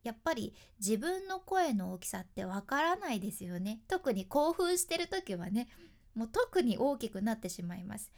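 Lively woman with a lilt. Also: a little high, moderate pace. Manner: lively, friendly teaching tone with demonstrations. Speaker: speaking coach, freelance announcer. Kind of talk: instructional talk to camera.

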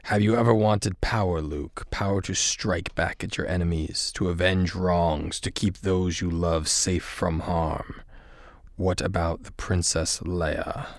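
A man reading a menacing, tempting dark lord in a script table read, slow and persuasive. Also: low-pitched, fairly even intonation, no room sound, studio quality.

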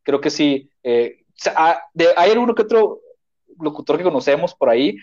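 A man's voice: a little high, lively intonation, moderate pace, a little mellow, lo-fi sound. A man hosting a casual talk show, asking long rambling questions. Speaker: host.

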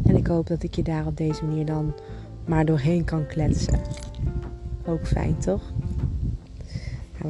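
Prominent music plays under a woman with a fairly low voice and a Dutch accent from the Netherlands. She talks as a podcast host in a casual, encouraging way. Her monologue speaks straight to the listener, like an informal walking companion. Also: poor audio. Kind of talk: casual chatty guided-walk monologue.

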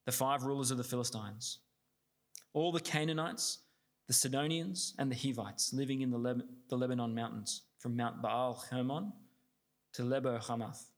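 A man's voice: mid-range voice, normal speed. A man reading scripture steadily, then preaching with many fillers and restarts.

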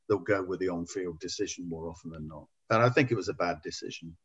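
A lower-pitched man talks through a refereeing decision in a hesitant, considered way, often pausing on "um". The audio is a little dull and lo-fi, like a modest podcast setup. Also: a crowd in the background. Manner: hesitant, measured, lots of ums. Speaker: pundit, former player. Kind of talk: podcast football discussion.

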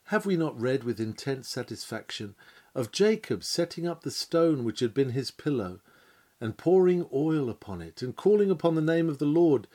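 A man's voice: medium pitch, dark tone. A man delivering a sermon in solemn, old-fashioned biblical language, full of rhetorical questions. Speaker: preacher. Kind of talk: sermon reading.

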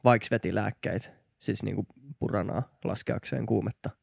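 A man's voice: fairly even intonation, gravelly, no echo. A man co-hosting a casual podcast chat, boisterous and swearing freely, speaking into a close studio mic. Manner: boisterous, swears, bursts into high whoops. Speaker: podcast co-host.

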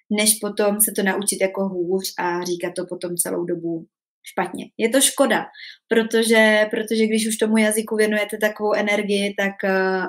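A woman giving a casual spoken lesson on pronunciation, chatty and often checking in with her listeners. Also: mid-range voice. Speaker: language teacher.

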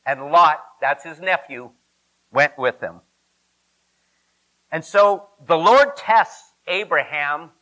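Slow, bright-voiced emphatic preacher man. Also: fairly high pitch, low-quality recording. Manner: emphatic, with rhetorical questions and drawn-out repetition. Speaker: pastor. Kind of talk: sermon.

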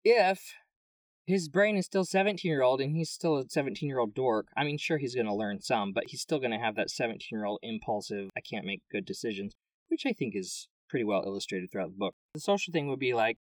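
A man's voice: medium pitch, brisk, no echo, far from the mic. A young adult man co-hosting a podcast in casual chat. He jokes and teases as he talks. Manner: animated, joking and teasing. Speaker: podcast co-host.

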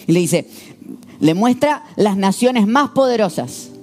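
A man preaching a sermon as a pastor, telling the story in an animated way. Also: high voice, unhurried, soft background music. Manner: animated, storytelling, shifts into quoted voices.

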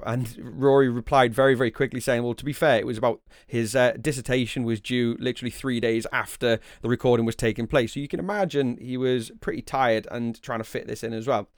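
A man's voice: medium pitch, dry recording, studio quality. A man hosting a podcast, talking in a chatty, informal way as he gives commentary and asks questions. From the Wirral, north-west England. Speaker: podcast host. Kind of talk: conversational quiz recap and interview.

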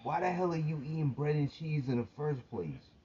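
A man's voice: on the high side, normal speed, dark tone. A man in casual banter, emphatic and swearing freely, repeating himself to make his point. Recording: dull lo-fi sound with faint noise.

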